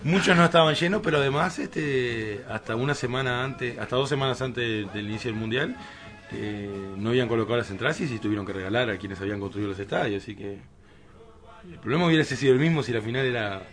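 A man's voice: medium pitch, quick pace, over music. A Uruguayan man on a radio panel, giving firm opinions and stumbling over repeated starts. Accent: Uruguayan Spanish. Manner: opinionated, stammers on restarts. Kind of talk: casual banter.

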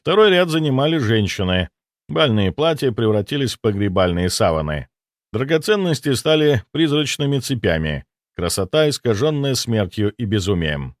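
A man reading a first-person fantasy audiobook, with deadpan, wry asides, close to a studio mic. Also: mid-range voice, moderate pace, no room sound. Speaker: audiobook narrator.

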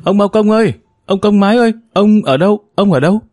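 A man voicing a lively, cheerful young village woman with a clear, ringing girlish tone and an eager, affectionate way of talking. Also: fairly high pitch, a little fast, no room sound, studio quality, lightly acted. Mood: calling out.

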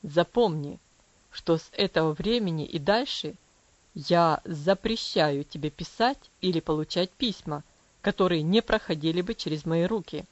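Lady putting on a stern low dad voice, cold and bossy, dull dry audiobook sound. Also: no echo, natural voice. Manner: cold, commanding, measured. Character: stern cold father, strict then tender.

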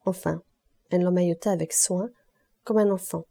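Mellow-voiced woman reading a novel. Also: lowish voice, steady tone, moderate pace, vocal fry. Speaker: audiobook reader. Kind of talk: scripted literary narration.

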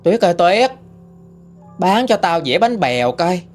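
A man's voice: sits high, very animated, unhurried, soft background music, pitched above the performer's own voice. A man voicing a creepy old woman ghost with sagging skin, calling out in an eerie, taunting way.

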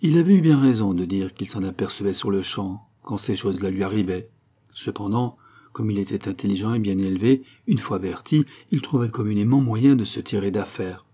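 A man narrates a classic novel with steady, literary pacing. His voice sits low and sounds dark and mellow, with a husky edge. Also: brisk. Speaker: audiobook narrator. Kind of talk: scripted narration.

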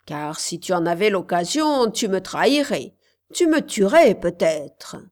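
A woman voicing a wicked old female witch in a storybook, commanding and shrill when she rages. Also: big pitch swings, unhurried, a little mellow. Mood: menacing.

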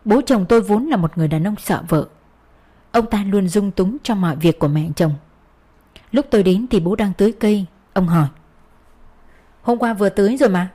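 A woman's voice: medium pitch, fairly quick, warm tone, breathy edge. A woman narrating a first-person story in an earnest, sorrowful reading style. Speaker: audiobook narrator.

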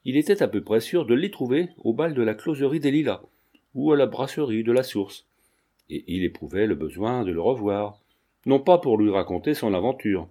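A man narrating a classic novel as an audiobook, in a measured, even reading. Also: mid-range voice.

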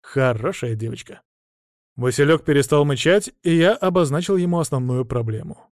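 A man's voice: a little high, fairly quick, darkish tone, no room sound, studio quality. A man narrating a fantasy audiobook in the first person, in a wry tone.

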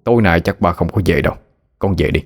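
A man voicing a calm, steady village father. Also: low voice, quick pace, close to an everyday voice. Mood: solemn.

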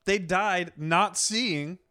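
A man with a high voice chats casually, making wry, teasing remarks and dry asides. He builds jokes with a relaxed, easygoing delivery. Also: very slow, smooth. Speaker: podcast co-host. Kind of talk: casual chat.

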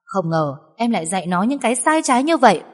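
A woman's voice: fairly high pitch, very animated, fast talker, voice pushed up. A woman voicing a stern, self-righteous young husband in a reverberant recording. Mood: lecturing. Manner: lecturing sternly. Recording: long reverb.

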